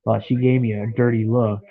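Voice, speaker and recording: Talking from his bed at home, a congested man in his thirties rambles casually to his live stream audience. His voice sits fairly low with little pitch movement and a normal speed, captured in dry, phone-like lo-fi audio.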